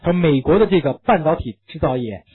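A man teaching an English reading lesson, animated and full of rhetorical questions, slipping English phrases into his lecture. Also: on the high side, fast talker, slightly rough. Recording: tinny phone-like recording.

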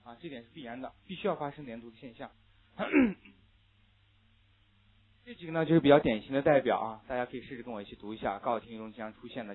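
A male English teacher gives a classroom lecture on linked sounds in listening tests, with "ah" fillers and slow repeat-after-me drills. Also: medium pitch. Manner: explains rules with frequent "ah" fillers, then models words slowly. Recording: tinny phone-like audio.

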